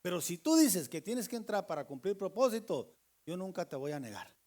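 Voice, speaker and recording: A man's voice: high-pitched, very animated, a little fast, warm tone. A man doing an impulsive, earnest fisherman. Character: impulsive, earnest adult fisherman pledging loyalty.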